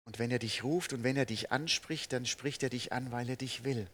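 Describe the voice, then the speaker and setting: Earnestly preaching, this man uses a mid-range voice with fairly even intonation, questioning his audience directly as he alternates between forceful high points and quiet, unhurried passages.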